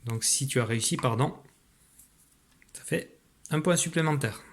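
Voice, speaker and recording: A male teacher leads a spelling dictation at a calm middle pitch. He is patient and clear and stretches out each sound for the listener. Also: normal speed, a little hiss or hum. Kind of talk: recorded spelling dictation lesson.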